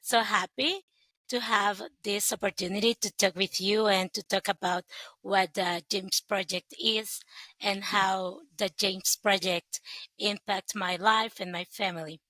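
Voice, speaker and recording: Woman from El Salvador, slow, crisp dry sound, earnest testimony. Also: mid-range voice, steady tone, bright, forceful tone, no echo, low-quality recording. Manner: sincere, speaks in short halting phrases. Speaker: guest, sponsorship coordinator.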